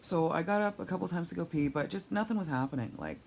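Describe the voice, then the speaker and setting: A woman's voice: on the low side, expressive, fast talker, vocal fry, a little mellow, slight background noise. A woman, weak and sore after surgery, talking in a rambling, candid, wry way in a casual video diary recorded on a handheld tablet at home. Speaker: patient vlogger recovering from surgery. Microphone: tablet held overhead while lying down.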